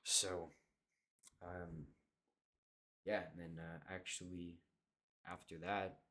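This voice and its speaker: A man's voice: low voice, level tone, slow, pushed and bright, a little hiss or hum. A young man hosting his own podcast, telling a story in a rambling, casual way with plenty of fillers and swearing. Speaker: podcast host and comedian.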